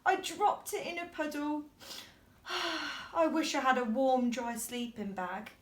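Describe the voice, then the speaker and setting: A woman's voice: high-pitched, fairly even intonation, slow pace, roomy sound, slight background noise. A woman voicing a tearful, sorry fox from a children's storybook, whiny and sighing.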